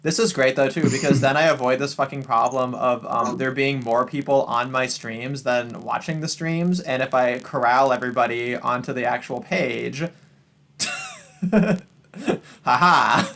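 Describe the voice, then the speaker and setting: A man's voice: mid-range voice, vocal fry, a bit bright. A man hosting a live stream, chatting in a rambling, casual way and laughing at his own jokes. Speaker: streamer host.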